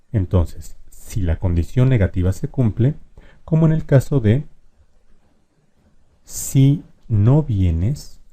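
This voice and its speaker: A man explaining spelling rules in a lesson, patiently addressing the viewer directly and drawing out example words slowly. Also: fairly low pitch, dark tone. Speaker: language teacher.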